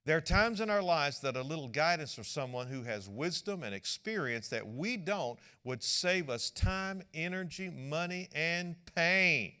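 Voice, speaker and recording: A man's voice: fairly high pitch, expressive, a little slow, hardly any pauses, sharp tone, clear, resonant tone. A male pastor preaching a sermon, repeating words and acting out quoted speech.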